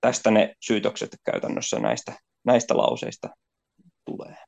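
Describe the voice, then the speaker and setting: A man, a guest on a podcast, explaining a point in a discussion and reading passages aloud with a steady cadence. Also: lowish voice, vocal fry. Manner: reads quoted text aloud with steady cadence.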